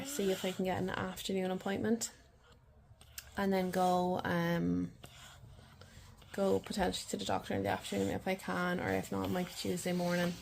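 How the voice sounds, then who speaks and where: A woman's voice: medium pitch, vocal fry, a little mellow, a little hiss or hum. A young adult woman with an Irish accent, chatting casually and in a rambling way, as in a video diary. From Ireland. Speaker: vlogger.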